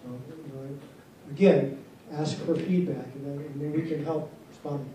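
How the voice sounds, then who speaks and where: A man leading a town hall meeting as base commander, answering questions in a measured, formal, plainspoken way before a seated audience. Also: on the high side, fairly even intonation, warm tone. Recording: echoey hall from far off, faint noise.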